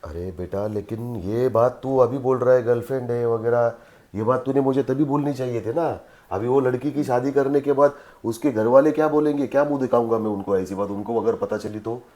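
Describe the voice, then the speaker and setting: A man's voice: medium pitch, a little fast, warm tone, natural voice. An older man playing a worried father who reasons with and scolds his son in a family drama. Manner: pleading then scolding.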